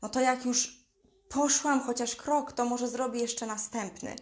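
A woman's voice: a little high, fairly even intonation, measured pace, darkish tone. A woman giving a live motivational talk as a coach, speaking directly to her listeners. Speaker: life coach.

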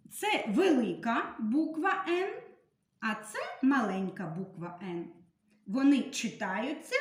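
A woman teacher leading a literacy lesson for young children, dictating slowly and patiently and stressing each sound. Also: on the high side. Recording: echoey room.

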